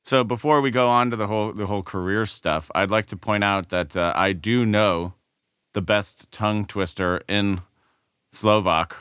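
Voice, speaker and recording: A man's voice: fairly low pitch, normal speed, a bit bright, clean tone, no echo, studio quality. A man in his thirties from the United States hosting a podcast interview, jokey and playful in casual chat. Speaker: podcast host.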